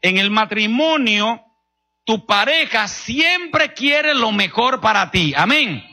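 A man's voice: high-pitched, lively intonation, slow, pushed and bright. A middle-aged man with a Dominican accent, preaching a sermon with humor and telling stories straight to the congregation. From Dominican Republic. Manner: humorous, storytelling, addressing the congregation directly. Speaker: pastor.

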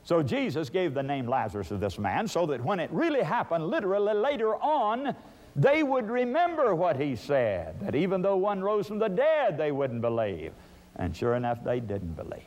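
A man's voice: fairly high pitch, very animated, moderate pace, darkish tone. A man preaching a sermon, emphatic, asking and answering his own questions.

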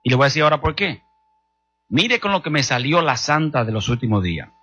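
Husky, forceful Dominican pastor preaching. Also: male voice, mid-range voice, lively intonation, fairly quick, dull audio. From Dominican Republic. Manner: humorous, storytelling, addressing the congregation directly. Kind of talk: sermon.

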